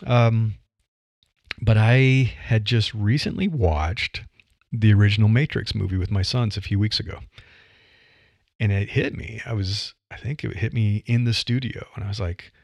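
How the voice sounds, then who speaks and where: In a dry recording, a lowish, slightly mellow male voice with vocal fry speaks at a normal speed. He's a middle-aged Midwestern podcaster and writer musing casually on voice delivery, sprinkling in frequent "you know"s and light laughter.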